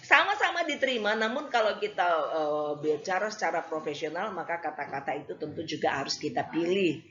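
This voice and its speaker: A woman's voice: on the low side, lively intonation, fairly quick, fairly bright tone. A woman lecturer giving a casual classroom lecture, hesitating with many fillers and acting out examples. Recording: slightly dull lo-fi recording.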